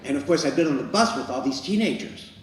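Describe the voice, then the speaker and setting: A man's voice: mid-range voice, animated, fast talker. A man in his sixties, an improv performer, telling a chatty anecdote and acting out the quotes. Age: 60s. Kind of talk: storytelling monologue. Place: improv venue. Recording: echoey room, mic far off, faint noise.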